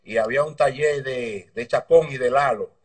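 A man with a Dominican accent, a mechanic telling stories from his past in a relaxed, rambling way in an interview over a video call. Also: mid-range voice, normal speed. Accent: Dominican Spanish. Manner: relaxed, rambling anecdotes with slang. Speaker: guest, motorbike mechanic. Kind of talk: casual interview storytelling. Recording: distant video call audio.

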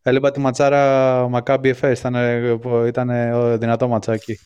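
A man's voice: mid-range voice, completely flat delivery, darkish tone, smooth, lo-fi sound. A man calling in to a casual chat show, talking about basketball with many fillers and restarts. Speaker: caller.

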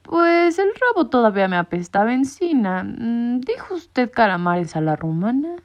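A woman's voice: on the high side, very animated, normal speed, voice pushed up. Woman doing a whiny grumbling errand cat. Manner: whiny complaining. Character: put-upon male errand cat, grumbling. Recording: muffled lo-fi recording.

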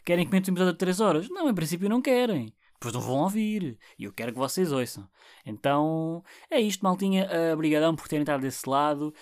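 A man's voice: fairly high pitch, lively intonation, fast, darkish tone, dry recording, clean studio sound. A man in his twenties with a European Portuguese accent, hosting a casual solo podcast, rambling and swearing with many restarts. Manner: rambling and profane, with frequent restarts and fillers. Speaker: podcast host.

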